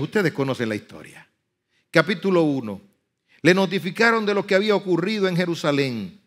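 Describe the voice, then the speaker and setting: A male pastor preaches, alternating between hushed murmurs and loud, high outbursts as he acts out biblical dialogue with dramatic flair.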